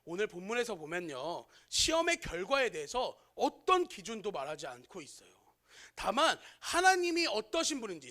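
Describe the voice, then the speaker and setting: A man's voice: very high-pitched, sharp tone. A man preaching a sermon to teenagers as their youth pastor, often asking his listeners questions and telling an everyday story to make his point.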